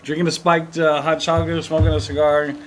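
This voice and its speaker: A middle-aged man co-hosting a podcast in casual chat, easygoing and quick to laugh as he tells family stories. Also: fairly high pitch, little pitch movement, a little hiss or hum, low-quality recording. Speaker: podcast co-host.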